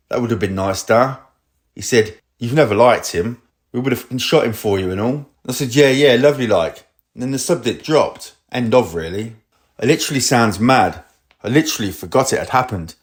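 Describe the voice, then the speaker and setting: A man with a fairly low voice and an Essex accent talks through events in a police interview. He rambles, swears freely and quotes other people's lines back and forth. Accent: Essex English. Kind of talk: recorded police interview account.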